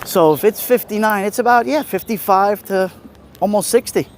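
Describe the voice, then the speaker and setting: With a higher-pitched voice at normal speed, a Brooklyn Italian-American man hosts a casual livestream as he walks a city street, answering viewers. Street noise and passing vehicles come through the outdoor recording.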